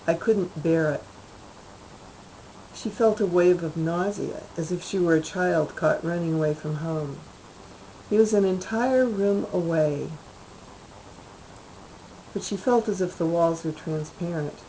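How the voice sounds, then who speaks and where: A woman, the author, reading her own literary short story aloud in a measured, even way. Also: fairly low pitch, slight background noise, low-quality recording.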